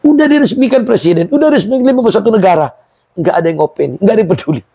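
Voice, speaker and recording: Gravelly fast-talking man telling his story. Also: sits high, no echo, studio quality. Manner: emphatic, emotional, animated storyteller. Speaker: founder of a Quran museum and Islamic boarding school. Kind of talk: storytelling in an interview.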